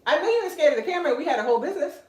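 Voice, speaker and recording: Lively Gullah Geechee woman, echoey room. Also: sits high, racing. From Beaufort, South Carolina, USA. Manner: animated, chatty, teasing asides to her husband. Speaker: clothing brand owner hosting a live stream. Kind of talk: casual live-stream fashion chat.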